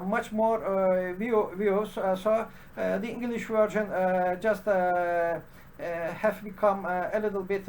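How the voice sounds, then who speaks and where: A hesitant man with a Turkish accent and a high voice hosts a programming channel, giving unscripted solo commentary. His speech is halting, full of "uh" fillers and restarts, with a little hiss or hum on the recording.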